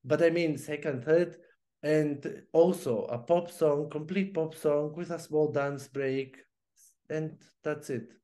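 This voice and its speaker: This animated co-host, whose voice sits on the high side, chats over a video call from a home room with plants. His speech comes in quick bursts, laced with fillers and laughter.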